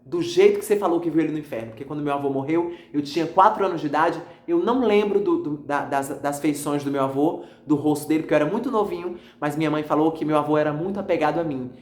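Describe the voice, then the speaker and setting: Fervent fast-talking preacher man. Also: a little high. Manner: fervent, repetitive, addresses listeners as brothers. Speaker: pastor. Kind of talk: emotional religious testimony. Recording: echoey room.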